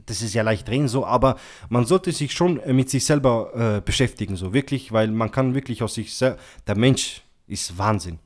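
A man talking in a relaxed, slangy way, padding every phrase with filler and calling his listener bro. His voice sits at an ordinary middle pitch. When he tells a story, he acts out the lines of everyone in it. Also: moderate pace, hardly any pauses. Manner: tells stories acting out quoted dialogue. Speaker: podcast host. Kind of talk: casual chat.

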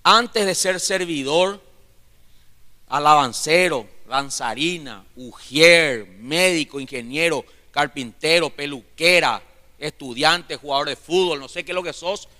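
A man's voice: a little high, a little slow, pushed and bright. A man preaching as a pastor, fervently calling his listeners brothers and pressing them with rhetorical questions during a church sermon. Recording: long reverb of a large church hall.

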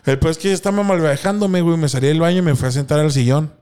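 A young Mexican-accented man co-hosts a podcast, telling a story in casual, slangy chat while laughing and acting out what people said. His voice is on the high side, very fast, smooth and a little mellow.

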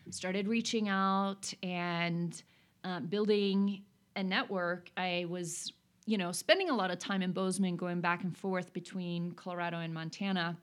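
Low-voiced woman from Norway, thoughtful. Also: steady tone, unhurried. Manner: thoughtful, frequent fillers. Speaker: guest, consultant. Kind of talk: conversational interview.

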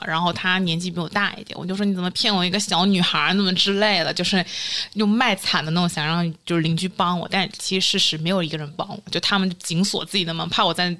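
A young woman, a podcast guest, telling a story in lively casual chat and acting out what people said. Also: lowish voice, quick pace, few pauses. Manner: animated storytelling, acting out quotes.

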